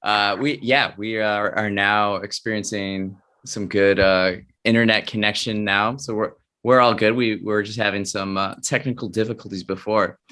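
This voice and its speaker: A man's voice: lowish voice, fairly even intonation, moderate pace, hardly any pauses, pushed and bright. A man hosting an interview podcast, upbeat, often restarting his questions. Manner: upbeat, stumbles over his questions, laughs easily. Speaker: podcast host.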